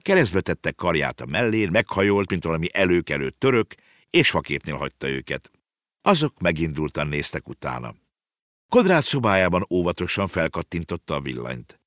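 A man with a low voice narrates a children's story with a lively, rising-and-falling delivery. His reading is expressive and well paced. The recording is dry and close. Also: dry recording. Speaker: audiobook reader.

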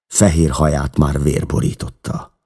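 Brief: very deep, husky male audiobook narrator, dramatic and expressive. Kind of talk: audiobook reading.

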